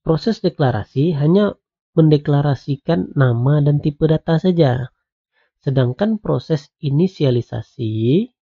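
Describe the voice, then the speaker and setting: A man giving a programming lecture while coding on screen, explaining slowly and patiently with lots of "nah" and "ya". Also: fairly high pitch, gravelly, breathy edge. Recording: tinny phone-like audio.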